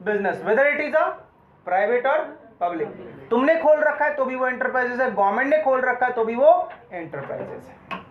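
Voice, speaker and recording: Calling his students "beta," this man teaches law in a Hindi-English mix and keeps firing questions at them. He speaks at normal speed in a very high voice with lively intonation. The recording has an echoey room sound and dull lo-fi quality.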